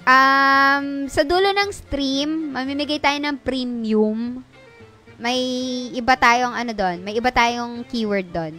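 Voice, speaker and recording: A young woman streaming a mobile game in casual commentary, loud, with sudden shrieks and swearing. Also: high-pitched, takes it slowly, faint music behind.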